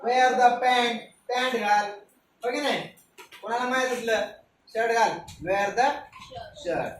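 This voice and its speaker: A man's voice: very high-pitched, fairly even intonation, slow pace, fairly bright tone. A man from Maharashtra teaching young pupils, taking his time as he spells out words letter by letter. He keeps prompting the class to repeat each one. His voice comes from across a very echoey room with a faint hum behind it. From Maharashtra, India. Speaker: primary school teacher. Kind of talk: spoken English vocabulary lesson for children. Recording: very echoey room, voice from far off the mic.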